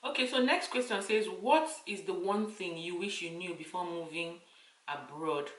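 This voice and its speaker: Bright-voiced Nigerian woman vlogger, echoey room. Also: fairly low pitch, normal speed, recorded from a distance. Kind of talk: casual chat to camera, answering questions.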